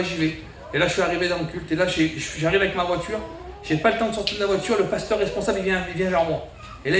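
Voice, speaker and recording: Fast high-voiced man testifying in an echoey tent. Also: a bit bright, slight background noise. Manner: storytelling, quoting himself and others. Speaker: church member giving testimony. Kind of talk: spoken testimony in church. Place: large tent meeting. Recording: echoey tent, mic from a distance.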